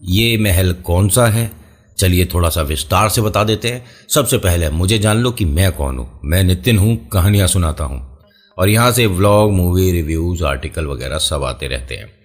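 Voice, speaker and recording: Chatty low-voiced male storyteller. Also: moderate pace, faint music behind. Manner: chatty, talks straight to the listener with playful asides. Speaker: storyteller and channel host. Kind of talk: casual horror storytelling podcast.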